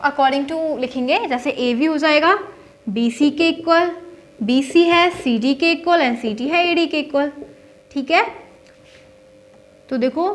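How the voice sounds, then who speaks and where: Young female maths tutor, high voice, patient and repetitive, questions and answers herself. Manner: repeats "theek hai" to check in, asks and answers her own questions. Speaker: maths teacher. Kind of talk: step-by-step maths lesson.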